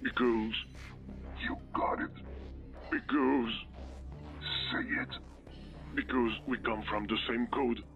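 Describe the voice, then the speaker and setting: A man's voice: mid-range voice, steady tone, takes it slowly, long pauses, recorded from a distance, lo-fi sound, soft background music. A man whispering as a scheming villain program. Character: mischievous male villain program on a phone call.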